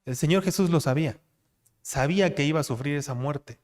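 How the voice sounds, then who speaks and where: Pastor preaching in an echoing hall. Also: male voice, on the high side. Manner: asks rhetorical questions, tags lines with "¿no?"; reads scripture aloud slower and louder. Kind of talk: expository sermon.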